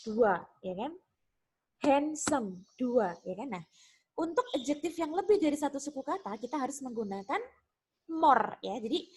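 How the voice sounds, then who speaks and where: A woman's voice: high-pitched, darkish tone, a little hiss or hum. A young woman teaching English grammar in a casual online lesson, chatty and repeating examples with frequent tag questions.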